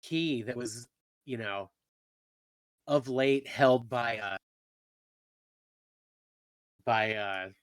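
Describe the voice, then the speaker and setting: A man, a tabletop game player, chatting in an unhurried, halting way with many fillers while his online call audio keeps cutting out and breaking up. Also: medium pitch, smooth, dry recording. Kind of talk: casual actual-play chat.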